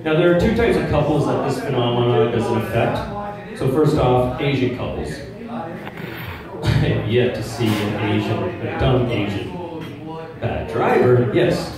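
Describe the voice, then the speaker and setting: On a small pub comedy stage, a middle-aged comic from Czechoslovakia delivers crude, casual patter in a mid-pitched, expressive, unhurried voice, often asking the audience "right?" He uses a handheld mic but is filmed from far back. The audio is distant, roomy and echoey, with the crowd roaring with laughter.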